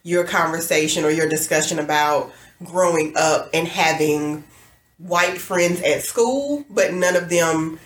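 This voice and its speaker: A woman with a low voice co-hosts a podcast in easy conversation. She talks things through with fillers and laughs often. The recording has a noticeable echo, as in a bare room. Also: a little slow. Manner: thoughtful, laughs easily, many fillers. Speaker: podcast co-host. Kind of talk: casual podcast chat.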